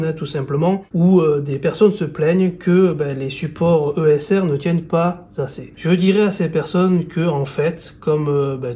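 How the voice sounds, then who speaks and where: A man presenting and unboxing phone accessories in a casual, relaxed way, with frequent fillers. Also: fairly high pitch. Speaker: tech reviewer.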